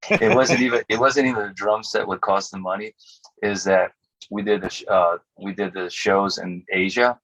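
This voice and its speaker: A man being interviewed about his music career, telling stories in a casual, animated way and acting out the people he quotes. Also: fairly low pitch, moderate pace. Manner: animated storyteller acting out quotes, laughs often. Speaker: musician guest. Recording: dull lo-fi audio.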